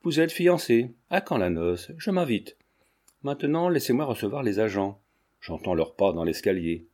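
A man's voice: lowish voice, sing-song, normal speed, darkish tone. A man voicing a breezy, jocular young man who jokes offhand with his friends.

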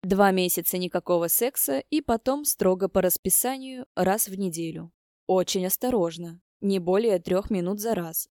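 A woman voicing a brisk, sarcastic young woman who bosses her friends around. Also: medium pitch, warm tone, no echo, clean studio sound, lightly acted. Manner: sarcastic, bossy.

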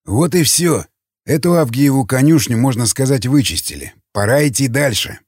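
A man voicing a calm, sardonic male cannibal with a baritone voice, mocking and quietly threatening. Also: normal speed, slightly rough, dry recording, clean studio sound. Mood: menacing.

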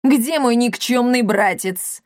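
A big, bossy commandant woman shouts and scolds the children in a raised, harsh voice, as a woman reader puts her on. It is a storybook reading with a dry, close sound. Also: fairly high pitch, slow pace, no echo, pitched above the performer's own voice. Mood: scolding.

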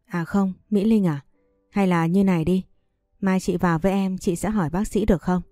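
A woman's voice: lowish voice, fairly even intonation, moderate pace, warm tone, dry recording, studio quality, faint music behind, lightly acted. A woman voicing a grieving young woman, an older sister who speaks in a restrained, coaxing way.

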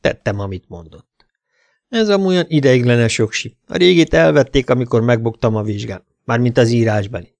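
A man's voice: medium pitch, animated, gravelly, darkish tone, dry recording. A man reading a crime novel aloud in dry first-person narration, giving the cops their own voices. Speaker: audiobook narrator.

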